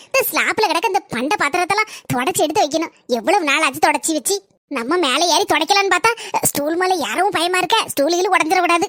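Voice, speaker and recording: A woman voicing a fussy middle-aged village mother in a cartoon, speaking Kanyakumari Tamil and nagging loudly. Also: extremely high pitch, no room sound, studio quality. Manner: nagging, loud and fast. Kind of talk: animated cartoon voice acting.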